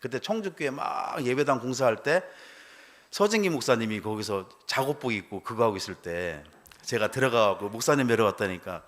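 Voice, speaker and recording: Lively storytelling male pastor. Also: mid-range voice, fairly quick. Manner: storytelling, acting out dialogue; laughs while telling. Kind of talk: testimony sermon. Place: church.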